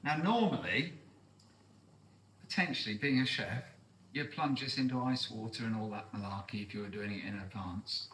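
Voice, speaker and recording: A man's voice: on the low side, normal speed, recorded from a distance. A middle-aged man with a Norfolk accent chats easily through a cooking demonstration and explains each step as he works. His voice sounds roomy and set a little away from the mic, with a faint hiss of background noise behind it. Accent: Norfolk English. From North Norfolk, England. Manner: chatty, relaxed, explains as he goes. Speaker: chef and host. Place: outdoors on salt marshes, then a home kitchen.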